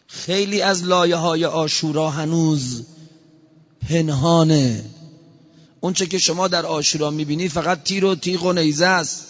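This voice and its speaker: A man preaching an impassioned sermon from a podium, pressing his points with rhetorical questions and urgent pleas. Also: a little high. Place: large hall, speaking from a podium. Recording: long hall reverb, dull lo-fi sound.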